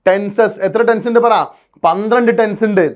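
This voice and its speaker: A man with a strikingly high voice teaches grammar for an entrance exam. He keeps asking his listeners questions and answers them himself, switching between Malayalam and words. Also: fairly even intonation, moderate pace. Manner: quizzing listeners with rhetorical questions; mixing Malayalam with English terms. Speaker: English teacher. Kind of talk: exam-prep lecture.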